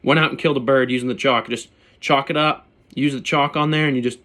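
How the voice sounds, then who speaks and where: A man with a bright, forceful voice and an average pitch gives an informal, hands-on demonstration. He speaks bluntly and casually, with slang and mild swearing, like a hunter showing his kit. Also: fairly even intonation, fast. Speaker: turkey hunter presenting his calls.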